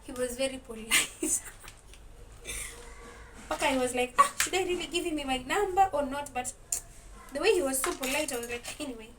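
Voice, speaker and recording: High-pitched girl vlogging, chatty, swahili bits mixed in, mic a bit far off, cutlery clatter. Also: moderate pace, pauses often. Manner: chatty, mixes Swahili into English, laughs often. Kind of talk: casual storytelling vlog. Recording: distant mic with clear kitchen noise. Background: dishes and cutlery clinking.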